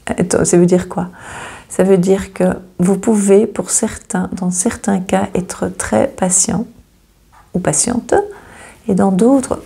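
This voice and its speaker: Woman host, low gravelly voice, hesitant and reassuring astrology talk, flat delivery. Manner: hesitant, many fillers and repeats, gently reassuring. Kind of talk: casual astrology reading to camera.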